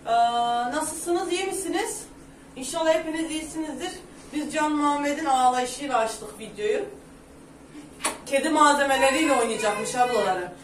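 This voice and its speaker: A woman chatting loudly and rambling to her viewers in a casual home vlog. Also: high-pitched, normal speed, slight background noise. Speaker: vlogger. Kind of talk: casual chat to camera. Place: home, indoors. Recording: echoey room.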